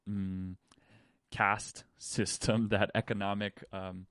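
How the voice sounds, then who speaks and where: A podcast host from Hawaii delivers a candid, reflective personal monologue that rambles and often restarts. His voice is lowish and a bit bright with little pitch movement, taken slowly, in clean studio sound with no room noise.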